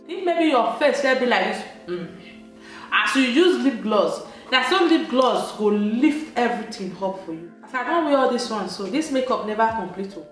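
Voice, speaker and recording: Woman, Nigerian Pidgin accent, playful beauty vlogger, very echoey room, soft music behind. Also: mid-range voice. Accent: Nigerian Pidgin English. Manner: chatty and playful, emphatic repetitions. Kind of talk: casual makeup tutorial in Pidgin.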